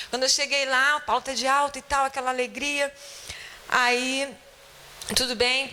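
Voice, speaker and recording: Brazilian woman, church teacher, bright and somewhat high, chatty testimony full of "right?" asides. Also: a little hiss or hum. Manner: conversational storytelling, frequent tag questions. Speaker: Bible-school teacher. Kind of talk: personal testimony in a church class.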